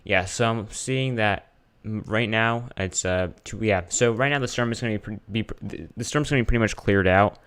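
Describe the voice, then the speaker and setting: Guy doing a casual weather livestream, lowish clear voice, kinda hesitant, thinks out loud. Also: fairly quick, hardly any pauses. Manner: informal, hesitant, thinking aloud while checking screen. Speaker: live streamer. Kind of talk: casual live weather commentary.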